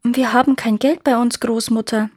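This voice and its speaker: A woman voicing frightened young brothers, timid and pleading, a bit higher than her reading voice. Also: fairly even intonation, normal speed, darkish tone, slightly rough, dry recording, clean studio sound.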